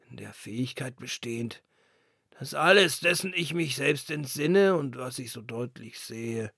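A man's voice: medium pitch, vocal fry, pushed and bright, breathy edge, no echo, heavily acted. A man voicing an old, anxious street lantern in a storybook reading, with a plaintive manner and a dry sound.

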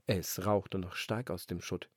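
A man reading a fairy tale aloud in a calm, expressive storytelling manner on a close mic. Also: low voice, unhurried, slightly rough, dry recording. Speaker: narrator.

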